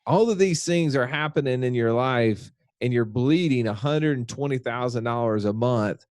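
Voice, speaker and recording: A man's voice: medium pitch, moderate pace, darkish tone, dry recording, clean studio sound. A man hosting a podcast interview, recapping the guest's story and acting out what he thought. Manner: recaps the guest's story, acts out inner voices. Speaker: podcast host. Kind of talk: casual interview.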